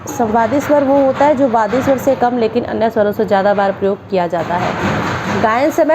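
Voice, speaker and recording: A woman's voice: fairly high pitch, background noise. A woman from Haryana, India, a music teacher giving a classroom-style music theory lesson, explaining each term step by step with simple definitions.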